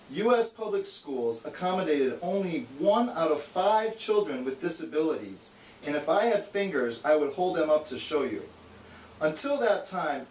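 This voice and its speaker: Lightly acting in a highish, darkish voice, a man gives life to a bookish, exasperated know-it-all puppet that explains in a didactic, slightly condescending manner. It's an amateur educational puppet show, recorded from a distant mic in an echoey room with hissy noise.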